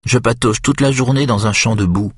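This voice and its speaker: A male audiobook reader voicing a composed young woman archaeologist, his pitch gently raised and his delivery soft-spoken. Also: brisk, breathy edge, no echo, studio quality, natural voice. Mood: wry. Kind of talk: audiobook reading.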